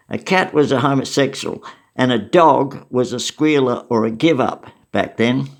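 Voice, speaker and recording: Gravelly older Australian man. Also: medium pitch, a bit bright. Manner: wry, matter-of-fact, with chuckles and asides. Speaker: storyteller recounting memories. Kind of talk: casual spoken memoir.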